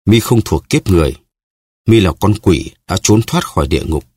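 Man reading stern swordsman, cold, measured, deep husky voice, audiobook. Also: animated, darkish tone, no echo.

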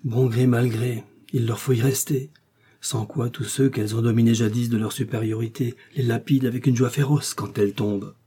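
A man reading the lines of a gentle widowed countess who speaks in a soft, even voice. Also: mid-range voice, fairly quick, husky, lightly acted. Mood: gentle persuasion. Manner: soft and unmodulated.

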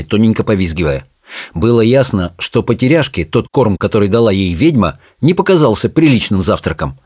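A man reading a children's fantasy story aloud in an expressive storytelling manner. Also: on the low side, no echo, studio quality. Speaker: audiobook narrator. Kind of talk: audiobook reading.

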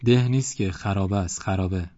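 A man voicing a loud, boastful village man who mocks and rants. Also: low-pitched, dry recording, natural voice. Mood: ranting. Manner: mocking, blustering, rambling complaints. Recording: dull lo-fi audiobook recording.

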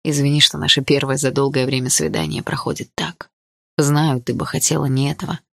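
Woman reading a cocky teenage boy, low and soft. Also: steady tone, fairly quick, vocal fry, no room sound, studio quality, full character voice. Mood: teasing.

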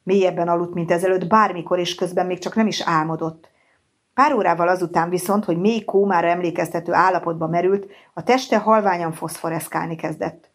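A woman narrating an audiobook in a measured, even reading style. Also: lowish voice. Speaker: audiobook reader.

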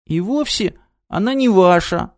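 A man's voice: expressive, unhurried, darkish tone, no echo, clean studio sound. A man voicing a small, stubborn time-traveling girl who pleads and cries in a raised, thin voice. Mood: tearful. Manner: high, tearful pleading.

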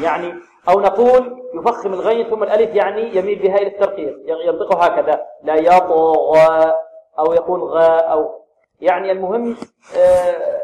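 A man teaching Quran recitation, quizzing his students and modelling slow, drawn-out pronunciations. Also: high-pitched, mellow. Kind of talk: tajweed lesson with students. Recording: echoey room, faint noise.

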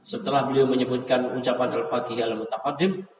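A religious teacher corrects his students while translating a text phrase by phrase in a classroom grammar lesson, frequently using "ya" and "nah." His medium-pitched voice is darkish, fairly even, and a little fast. The distant mic picks up a dull, echoey hall and slight background noise.

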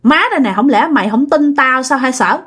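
A woman's voice: sits high, fairly quick, a bit bright, slightly rough. A woman voicing the stern, all-knowing spirit of a dead old mother speaking through a medium, blunt and repeating herself.

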